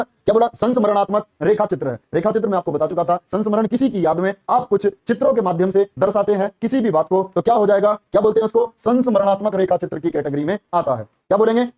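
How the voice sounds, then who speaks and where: Fast, high-voiced Hindi exam coach. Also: male voice, dark tone, no room sound. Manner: rapid, repeats answers and prompts students constantly; encouraging praise, calls students brother and child. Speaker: Hindi teacher for police exam prep. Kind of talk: live online class, quizzing and reading comments.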